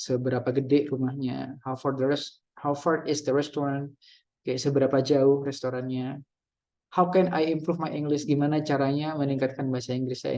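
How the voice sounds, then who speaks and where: A man teaching English grammar in a relaxed way, reading out example questions and translating each one. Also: mid-range voice. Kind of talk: casual classroom explanation.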